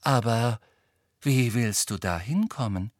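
A man reading an audiobook and voicing a calm, dreamy teenage girl who speaks mildly. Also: a little high, measured pace, no echo, studio quality, pitched above the performer's own voice. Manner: serene, mild.

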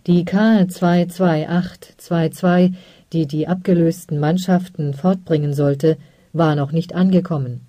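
A woman narrating a science fiction audiobook in a calm, measured way. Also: low voice, no room sound. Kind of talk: scripted narration.

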